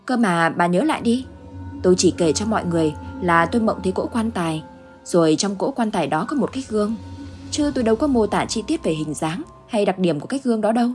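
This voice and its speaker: A woman's voice: medium pitch, lively intonation, fast talker, a little mellow, faint music behind, close to an everyday voice. A woman voicing an anxious, stubborn elderly village husband who insists he sees something. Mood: denying.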